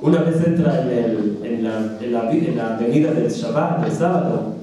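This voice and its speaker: Echoey rabbi telling stories. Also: male voice, mid-range voice, normal speed, a crowd in the background. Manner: animated storyteller, frequent self-corrections and restarts. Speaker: rabbi teaching a Torah class. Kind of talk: storytelling lecture to a small group. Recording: very echoey room, distant mic.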